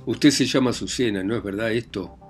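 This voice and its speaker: Man doing a bossy old-time magistrate, interrogating, yells a lot, deepish voice, soft music in back. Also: fairly quick, lightly acted. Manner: interrogating, commanding, shouting. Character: stern, bullying middle-aged male village magistrate.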